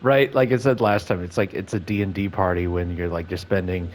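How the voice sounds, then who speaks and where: A man's voice: low-pitched, steady tone, brisk. A man giving casual gameplay commentary, making critical, nitpicking asides as he plays. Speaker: let's player.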